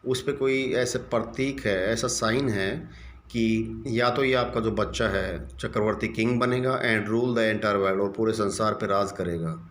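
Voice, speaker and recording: Guy teaching class, slow and careful, talks it through step by step. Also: on the low side, fairly even intonation, a bit bright, a little hiss or hum. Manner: reads English lines slowly, then explains them in Hindi. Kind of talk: classroom exercise explanation.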